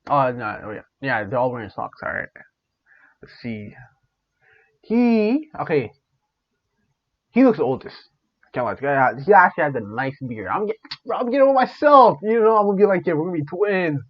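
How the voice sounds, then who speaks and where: A man hosting a reaction video, talking bluntly in slang and thinking out loud. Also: on the high side, very animated, moderate pace, pauses often, dull audio. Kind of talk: casual reaction commentary.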